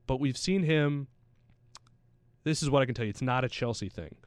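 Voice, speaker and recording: A man with a mid-range, clean-toned voice chats casually at a moderate pace as a soccer pundit on a talk show. He talks sports in a slangy, anecdotal way, with no room sound.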